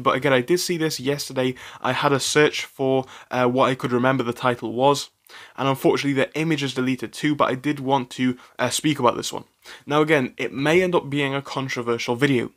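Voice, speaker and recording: A man hosting a stock commentary channel, talking in a chatty, opinionated way with frequent fillers and restarts. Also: mid-range voice. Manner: chatty, animated, with frequent fillers and self-corrections.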